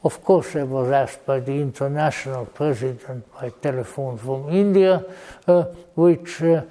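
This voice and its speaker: An elderly man with a Hungarian accent giving an informal, rambling talk in a halting, deliberate manner, with formal old-fashioned wording and dry humour. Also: mid-range voice, dark tone. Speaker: lecturer. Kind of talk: informal rambling reminiscence to an audience.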